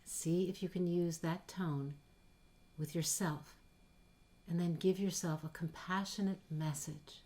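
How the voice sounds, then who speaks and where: A woman leading a gentle guided meditation in a worship service, speaking softly and slowly. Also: fairly low pitch, fairly even intonation. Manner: slow, gentle and soft-spoken. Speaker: worship leader.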